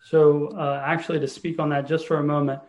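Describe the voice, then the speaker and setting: A man chairs a town council meeting as mayor, his voice level and flat with little rise or fall. He speaks haltingly, leaning on fillers and restarts as he moves through the agenda. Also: fairly high pitch.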